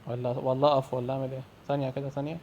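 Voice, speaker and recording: Egyptian guy playing a horror game, talks super fast, yells when the clown shows up, bit of hiss behind. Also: mid-range voice, highs cut off. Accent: Egyptian Arabic. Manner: excitable, shouts and swears when scared. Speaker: gamer.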